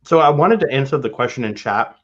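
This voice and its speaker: A man's voice: medium pitch, animated, a little fast. A man co-hosting a talk show, rambling in a wry, self-deprecating way over a video call. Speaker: podcast co-host. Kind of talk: casual chat. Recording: dull lo-fi call audio.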